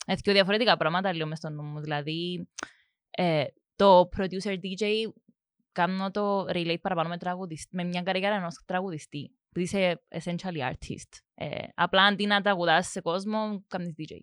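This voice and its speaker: A young woman speaks in a fairly low, steady voice with a Cypriot Greek accent, answering interview questions casually as a music production student. She hesitates with many fillers and blends in English words, and the recording is studio quality with no echo.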